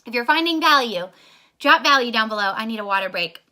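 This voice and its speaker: A woman's voice: a little high, lively intonation, brisk, bright, forceful tone. A young woman giving an earnest, encouraging motivational talk on a live video, speaking straight to her viewers and a little out of breath. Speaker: online business coach.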